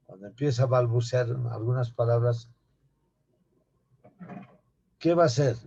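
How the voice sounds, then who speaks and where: Guy teaching anatomy class, husky mellow voice, keeps asking the students questions, dull lo-fi recording. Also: mid-range voice. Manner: rhetorical questions, addresses students as "jóvenes". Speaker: anatomy lecturer. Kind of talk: classroom lecture.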